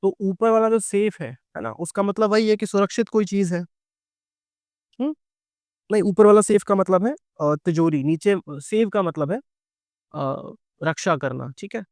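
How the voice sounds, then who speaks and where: A man's voice: high voice, unhurried, darkish tone, no room sound, clean studio sound. A middle-aged man with an Indian English accent gives an exam-prep grammar lecture. He explains patiently, keeps checking in with his students, and asks them questions that he then answers himself.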